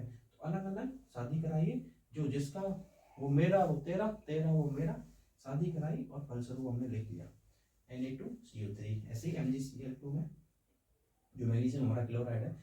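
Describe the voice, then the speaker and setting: Man teaching chemistry, homely playful explanations, dark mellow voice, echoey room, heard from a distance. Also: medium pitch. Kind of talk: chalkboard science lesson.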